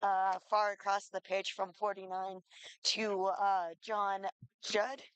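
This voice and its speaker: A woman doing live sports commentary in a measured, detailed way with many fillers, her voice hoarse from yelling. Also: mid-range voice, little pitch movement, low-quality recording. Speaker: color commentator.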